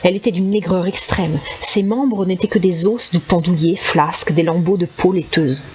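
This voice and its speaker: A woman reading a storybook aloud in calm, measured scripted narration. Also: on the low side. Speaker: audiobook narrator. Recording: slightly dull with faint hiss.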